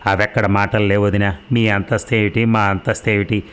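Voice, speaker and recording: A modest, practical middle-aged village mother speaks cautiously, with a gently scolding manner. A man voices her in a storybook reading. Her voice sits fairly low. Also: little pitch movement, fairly quick, smooth, lightly acted.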